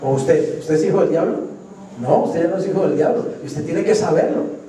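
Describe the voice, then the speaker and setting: A man's voice: a little high, expressive, a little fast, dark tone, a little hiss or hum. A man preaching a sermon, emphatically asking the congregation questions and answering them himself. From Colombia. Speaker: pastor. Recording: echoey church hall from far off.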